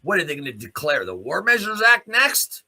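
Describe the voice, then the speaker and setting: Talking fairly quickly in a high, sharp voice with huge pitch swings, a Canadian news commentator rants off the cuff. His tone is blunt, sarcastic, and profane, punctuated by pointed rhetorical questions.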